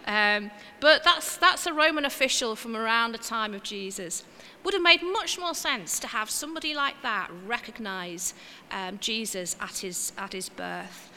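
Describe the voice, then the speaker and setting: A woman preacher with a fairly high, bright voice gives a relaxed, chatty sermon. Her talk is homely and she pokes gentle fun at herself. The sound carries the long reverb of a church hall, with faint noise behind. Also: moderate pace, hardly any pauses. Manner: chatty and homely, with gentle self-mocking asides. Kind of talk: informal sermon.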